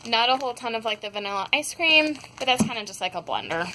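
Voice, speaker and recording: A woman's voice: on the high side, lively intonation, fast talker, bright, forceful tone, slight background noise, rough recording. A young woman casually reviewing scented wax melts at home, rambling with many fillers. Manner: rambling, many ums and likes. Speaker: wax melt haul vlogger. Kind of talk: casual product review chat.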